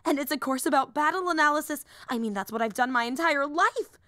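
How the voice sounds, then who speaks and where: A woman voices a young, excitable superhero in an anime-style audio drama, using a high-pitched delivery. The character is a nerdy, earnest rambler who gets flustered, apologizes and cuts herself off, sounding enthusiastic at a fairly quick pace. The recording is dry and close with no room sound.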